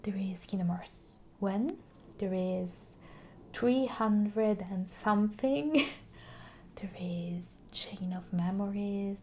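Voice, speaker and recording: There is slight background noise as a woman with a mid-range voice plays a video game shop clerk in a soft-spoken ASMR roleplay. Her speech is hesitant and halting, and she slips into whispers.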